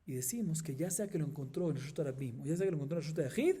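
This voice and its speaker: A man's voice: on the high side, expressive, dark tone, breathy edge. A middle-aged man, a rabbi from Colombia, teaching a Talmud class step by step and checking in with his listeners often. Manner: explains step by step, asks "¿sí?" often, chants Aramaic quickly.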